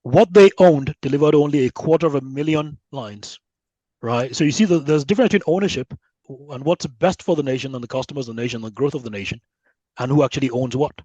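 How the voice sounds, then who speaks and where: This Nigerian-accented man, a guest researcher on a podcast, talks quickly in a conversational way, explaining with analogies and regularly checking in using "right?" and "you know." His mid-range voice has a dark tone, with no echo but the highs cut off.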